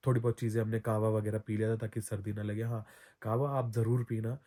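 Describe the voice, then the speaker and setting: A man's voice: fairly low pitch, flat delivery, fast, dark tone. A man giving casual travel advice as a vlogger, chatty, often repeating himself and correcting his own slips. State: throat recovering from soreness.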